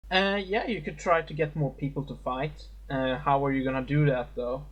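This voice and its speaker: A man narrating as game master in a casual tabletop session, speaking haltingly with many fillers and restarts. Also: medium pitch.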